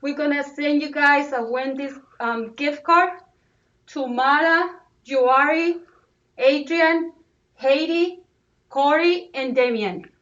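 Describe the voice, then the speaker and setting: A woman's voice: sits high, slow pace, fairly bright tone. A woman hosting a casual school live stream, talking informally and restarting phrases often. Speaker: school show host. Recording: dull and distant.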